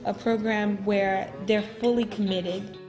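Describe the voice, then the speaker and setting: A woman of middling pitch speaks sincerely about letting her child go. Music is clearly heard underneath. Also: little pitch movement, a little slow. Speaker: parent. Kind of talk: documentary interview.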